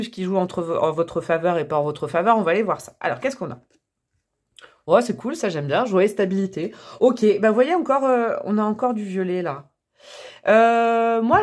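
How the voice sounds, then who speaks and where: Chatty woman reading tarot. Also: medium pitch. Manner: chatty, warm-hearted, laughs often, thinks aloud with many fillers. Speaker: tarot reader. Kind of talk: casual tarot reading to camera.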